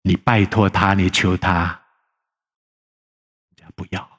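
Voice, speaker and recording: A middle-aged male pastor with a deep, fairly bright voice preaches slowly and in a flat delivery, recorded in a church sanctuary with long hall reverb. His sermon is conversational, full of tag particles, and he tells stories animatedly, acting out the people he quotes in a raised voice.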